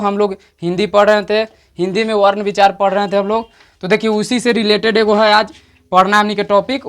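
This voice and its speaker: A man with a Bihari accent teaching an exam-prep lesson, often checking "understood?" and slowing down to dictate definitions. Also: sits high. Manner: repeats "samjhe na?" checks, slows to dictate definitions.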